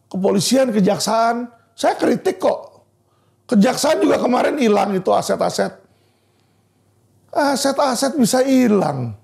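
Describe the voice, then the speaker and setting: Heated gravelly lawyer. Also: male voice, high voice, a little mellow. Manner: heated, repeatedly addressing "Pak" directly. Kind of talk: impassioned legal commentary video.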